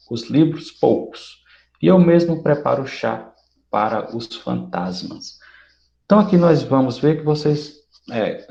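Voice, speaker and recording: A male teacher explaining a lesson to students, often checking in with quick questions. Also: mid-range voice, creaky, darkish tone. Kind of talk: recorded online lesson. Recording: roomy, dull lo-fi sound.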